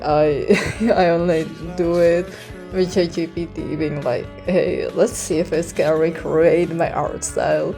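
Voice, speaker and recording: A young woman from Czechia with a Czech accent, chatting casually for a vlog in a hushed, awkward, self-conscious and apologetic way. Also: low-pitched. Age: young adult. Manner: keeping voice hushed so as not to be heard in the house. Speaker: online video creator. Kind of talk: casual rambling vlog chat.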